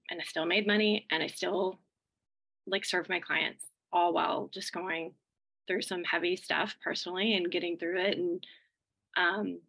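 A woman's voice: lowish voice, gravelly, sharp tone, rough recording. A woman in a group podcast chat as a mastermind member, talking candidly and rambling, swearing casually.

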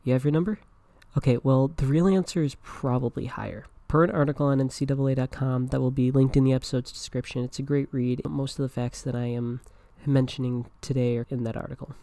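A man's voice: medium pitch, fairly even intonation, fast talker, creaky, dark tone, dry recording. Brief: male podcast host, conversational read-aloud narration, dry recording. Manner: casual and conversational.

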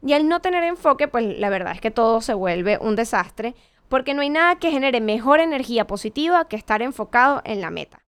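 Smooth-voiced woman giving a motivational talk. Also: fairly high pitch, animated, fairly quick, fairly bright tone, dry recording. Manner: conversational, many rhetorical questions and self-corrections. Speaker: motivational speaker.

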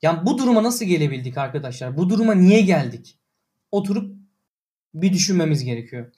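A man's voice: fairly high pitch, sing-song, fast talker, mellow. A young man ranting in casual slangy talk to his livestream viewers, exasperated.

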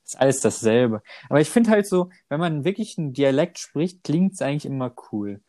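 A man's voice: medium pitch, big pitch swings, a little fast, mellow, no echo. Laid-back joking man, dry close sound. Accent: Rhineland German. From Germany. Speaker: podcast co-host. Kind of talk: casual chat.

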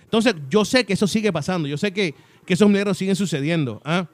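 Fast, high-voiced Puerto Rican man. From Puerto Rico. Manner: animated, often asks "¿ah?" for agreement. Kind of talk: casual faith chat.

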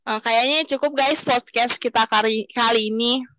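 Young Jakarta woman, higher-pitched podcast chatter. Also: fairly even intonation, normal speed, fairly bright tone, slight background noise. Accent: Jakarta Indonesian. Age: young adult. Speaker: podcast co-host. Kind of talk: casual podcast chat with slang.

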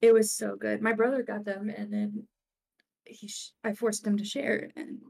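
A woman's voice: mid-range voice, little pitch movement, normal speed, gravelly, a little mellow. A woman joining a podcast call, chatty and enthusiastic. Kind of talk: casual chat on a call.

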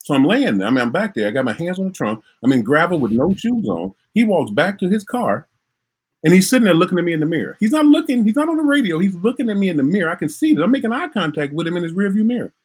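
A middle-aged man from Minnesota recounting a personal story in an animated way, repeating words and acting out the voices. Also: fairly high pitch, fast talker, breathy edge. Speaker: interviewee recounting a traffic stop.

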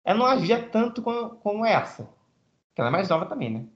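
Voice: medium pitch, big pitch swings, quick pace, roomy sound, lo-fi sound. A speaker in a casual film chat who gives opinions and explains things at length.

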